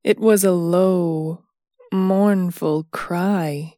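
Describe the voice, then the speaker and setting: A woman narrating a sleep story in a slow, soothing bedtime manner. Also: fairly low pitch, steady tone, warm tone, no echo, clean studio sound.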